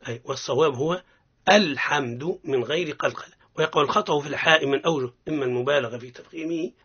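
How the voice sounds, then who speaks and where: A man with a Tunisian accent teaching Quran recitation on the radio. He explains step by step and models sounds slowly for listeners to repeat. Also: a little high, sharp tone, husky. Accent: Tunisian Arabic. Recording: dull lo-fi radio recording.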